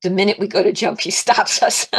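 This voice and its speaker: Woman, informal sermon, chatty, animated, laughs a lot, voice at an ordinary middle pitch. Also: brisk, slightly rough. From Italian and Irish heritage. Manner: chatty and animated, laughs often, shouts when acting out her pleas to God. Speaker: spiritual teacher.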